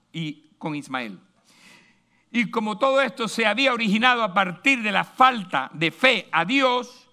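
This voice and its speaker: A male pastor preaching a sermon, emphatic, moving between loud lines and hushed asides. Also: high voice.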